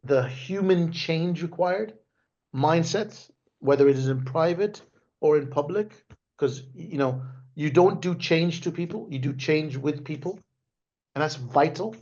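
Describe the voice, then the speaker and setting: A tech executive raised in Denmark joins a webinar as a guest over a remote video call, talking conversationally, restarting phrases and ending points with "right?" His voice sits on the high side, a little slow and mellow, and the video call microphone gives it a lo-fi sound.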